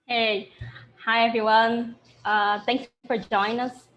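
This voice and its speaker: A woman from Brazil co-presenting a software workshop over a video call, cheerful and casual. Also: fairly high pitch, level tone, slow pace. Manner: cheerful, asks for the next slide. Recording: dull webcam audio with faint noise.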